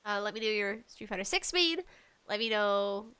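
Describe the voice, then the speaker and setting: A woman hosts a loose, rambling podcast on her own, speaking at normal speed in a medium-pitched voice that is nasal and congested but clean in tone. Her manner is animated and pleading, sprinkled with self-deprecating asides.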